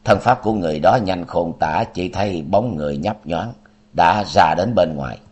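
Man, very deep voice, dramatic audiobook narration, martial-arts story. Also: normal speed, a little mellow, breathy edge.

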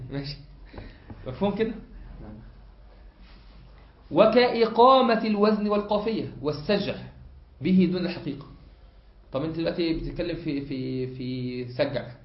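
A sheikh with an Egyptian accent and a voice on the high side teaches a classroom lesson, often pausing so students can fill in the word and repeating his points. The recording is muffled and lo-fi, with the echo of a hall.

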